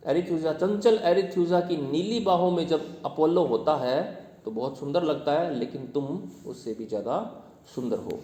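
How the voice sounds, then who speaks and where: A man teaching a poem to his class, explaining each line in Hindi mixed with English terms and reading the verse slowly. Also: a little high, mellow. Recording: echoey room, long reverb.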